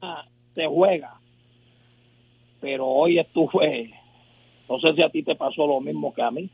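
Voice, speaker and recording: A man with a Puerto Rican accent calling in by telephone as a sports analyst, chatting casually and filling pauses with little tag words. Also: on the high side, gravelly, husky, dry recording. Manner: chatty, fills pauses with "este" and "¿verdad?". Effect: heard over a telephone line. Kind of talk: casual radio sports chat. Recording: tinny dry phone line.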